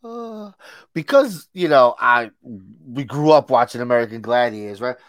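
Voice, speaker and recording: A man's voice: medium pitch, animated, moderate pace, no echo. A man co-hosting a pop culture podcast in casual chat, laughing often and agreeing with his partner. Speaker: podcast co-host.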